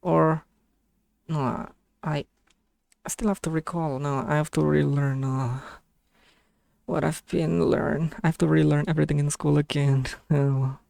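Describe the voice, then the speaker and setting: An Indonesian-accented streamer with a gravelly, fry-laden voice in a dry, close-sounding recording. The delivery is casual and hesitant, with frequent self-corrections while thinking aloud in reaction to a video. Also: mid-range voice, level tone, measured pace, pauses often, a little mellow, dry recording.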